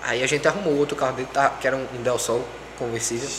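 A young man telling a story in casual chat, animated and acting out quoted dialogue. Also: mid-range voice, fast. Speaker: podcast guest. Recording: echoey room with faint background noise.

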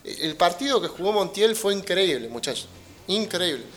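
A man's voice: high-pitched, big pitch swings, moderate pace, fairly bright tone. A man with an Argentine accent hosting a radio talk show, blunt, slangy and emphatic in casual chat. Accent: Argentine Spanish.

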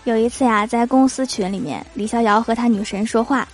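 A young woman telling comic stories about awkward chats in an amused, animated way. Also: fairly high pitch, brisk, over music. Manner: animated, amused read-out of chat jokes. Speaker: storyteller. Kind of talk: comic storytelling.

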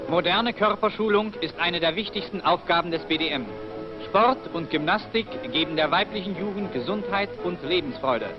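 A man's voice: high voice, moderate pace, lo-fi sound. A man reading the narration of an old newsreel in a formal, declamatory announcer style. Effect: old newsreel soundtrack. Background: music.

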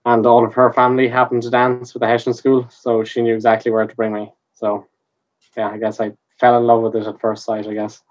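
A man's voice: medium pitch, monotone, brisk, dull audio. An eighteen-year-old man with a west of Ireland accent from Galway, chatting casually as an interview guest. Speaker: Irish dancer, guest.

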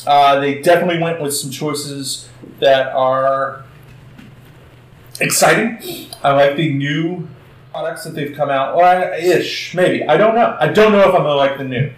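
In an echoey room, a male podcast co-host chats casually in a fairly high, unhurried voice. He sounds hesitant, full of restarts and hedging.

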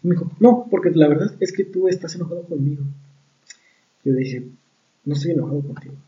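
Young Mexican man, casual storyteller who swears a lot, warm higher voice, heard from far off. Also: fast talker, highs cut off. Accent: Mexican Spanish. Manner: slangy, profane, animated storyteller.

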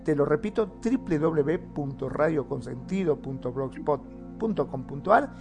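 High, creaky-voiced Argentine man on radio. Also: lively intonation, normal speed, darkish tone. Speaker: radio co-host. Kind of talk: live radio sign-off. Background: music.

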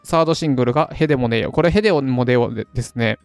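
Smooth-voiced man talking briskly. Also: medium pitch, no room sound, faint music behind. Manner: brisk, reads out facts, laughs easily. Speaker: podcast co-host. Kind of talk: casual podcast chat.

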